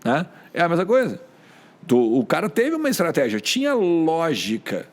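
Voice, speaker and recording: Man with southern Brazilian accent, sports journalist guest, middle-aged, somewhat high voice, lively casual storytelling. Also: normal speed. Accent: Rio Grande do Sul Portuguese. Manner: animated, colloquial, with frequent filler tags.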